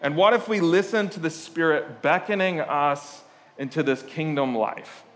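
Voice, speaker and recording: A man from Portugal delivers a sermon in a loose, conversational way, full of asides and "uh" fillers. His voice sits slightly high for a man. The sound trails off in the long reverb of a large church hall. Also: normal speed, slight background noise. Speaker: pastor.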